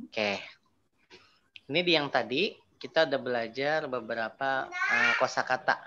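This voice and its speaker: A man's voice: medium pitch, unhurried, lo-fi sound, heavy background noise. A man teaching Arabic in an online class, explaining patiently and stressing each Arabic word. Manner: explains patiently, repeats terms, lively emphasis on Arabic words.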